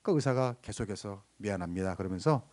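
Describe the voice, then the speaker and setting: A man's voice: on the high side, sing-song, normal speed, darkish tone. A middle-aged man preaching a sermon as pastor, asking the congregation questions and acting out the people in his stories. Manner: acts out quoted voices while telling a story.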